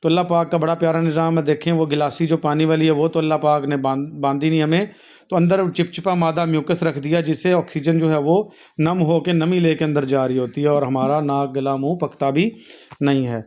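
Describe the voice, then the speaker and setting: Talking students through anatomy diagrams, a male nursing and health teacher lectures patiently, repeatedly addressing them as "beta" and correcting himself amid many fillers. He speaks fairly quickly in a slightly high, level, somewhat mellow voice, and the recording's highs are cut off.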